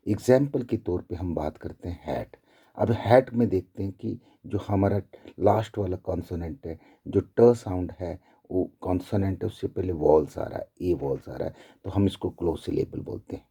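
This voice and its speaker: A male teacher giving a slow, deliberate lecture, explaining each point with repeated examples. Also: low-pitched, mellow, husky. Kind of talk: classroom lecture.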